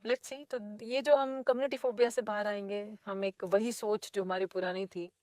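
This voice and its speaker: A woman from India, an animated lake restoration activist telling stories in an interview with playful asides. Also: medium pitch, moderate pace, no echo, studio quality. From North India. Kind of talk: conversational interview storytelling.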